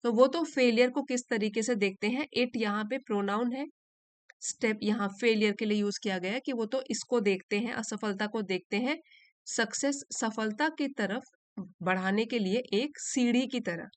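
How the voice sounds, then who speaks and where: A woman teacher who reads lines slowly and carefully, then explains them patiently in Hindi. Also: a little high, no echo. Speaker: English teacher. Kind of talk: explaining an English reading passage in Hindi.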